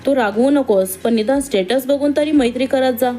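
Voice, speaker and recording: A woman's voice: sits high, normal speed, mellow, close to an everyday voice. A woman voicing a proud, status-minded wealthy mother in a read-aloud story, speaking with scorn. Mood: scornful. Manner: scornful, disdainful. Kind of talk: storybook reading.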